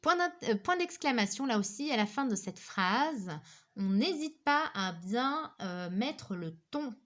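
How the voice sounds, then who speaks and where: A woman leads a recorded grammar lesson at an unhurried pace. Her voice sits a little high, and she explains step by step. She keeps checking that her listeners follow along. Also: lively intonation, fairly bright tone. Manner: patient, repeats "ok?" and "d'accord?"; slow, careful explanation with many fillers. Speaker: teacher.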